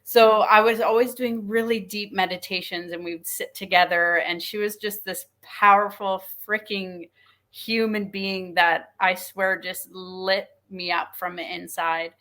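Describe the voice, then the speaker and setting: A woman guest telling a deeply personal story in earnest, with frequent fillers. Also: fairly even intonation, a little slow, pushed and bright.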